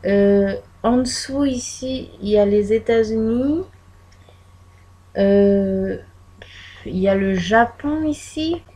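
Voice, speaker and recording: Slow, hesitant woman vlogger. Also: medium pitch, mellow, low-quality recording. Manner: hesitant, many fillers and pauses. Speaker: vlogger showing her postcard collection. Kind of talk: casual show-and-tell. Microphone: laptop built-in microphone.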